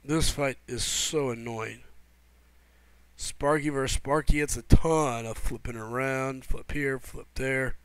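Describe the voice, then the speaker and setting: This livestream host has a medium-pitched, steady voice and talks slowly and smoothly, with no room sound. He chats casually while streaming a game, reading viewers' messages aloud and greeting them by name as buddy and brother. A cold has left his throat sore, but he stays laid-back.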